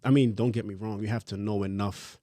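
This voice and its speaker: A man in his thirties from Trinidad, a fashion designer telling his story in a relaxed, candid, slangy podcast chat. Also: fairly low pitch, a little fast, dry recording, clean studio sound. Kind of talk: casual interview chat.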